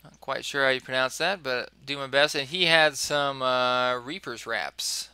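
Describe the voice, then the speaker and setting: A man co-hosting a podcast, chatting casually about listener-sent game items in a relaxed way. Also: mid-range voice, a little slow, clean tone, no room sound. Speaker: podcast co-host. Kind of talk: casual gaming chat.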